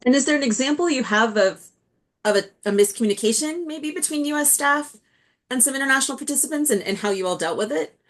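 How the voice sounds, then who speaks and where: A woman's voice: high-pitched, expressive, fast talker. A woman moderating a webinar panel, affirming answers and asking friendly follow-up questions over a video call. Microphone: video call mic.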